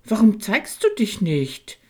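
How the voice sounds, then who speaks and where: A woman's voice: mid-range voice, big pitch swings, takes it slowly, darkish tone, husky, voice pushed up, full character voice. A woman voicing a sheepish boy in a children's audiobook, eager and apologetic, who blurts things out. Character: sheepish boy, former dragon hunter.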